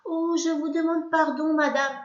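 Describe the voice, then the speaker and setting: Une femme jouant un homme affolé qui supplie, voix aiguë et chantante, écho de pièce. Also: female voice, sits high, flat delivery, normal speed, pitched above the performer's own voice, natural voice. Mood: pleading. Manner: pleading, apologetic. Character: flustered man pleading with a witch. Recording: echoey room, dull lo-fi sound.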